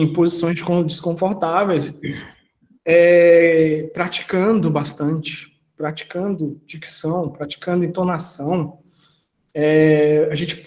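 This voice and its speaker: Brief: male mentor, higher-pitched voice, lively and slangy, quizzes his listeners. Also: roomy sound. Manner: animated, slangy, asks the audience questions. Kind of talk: casual mentoring talk.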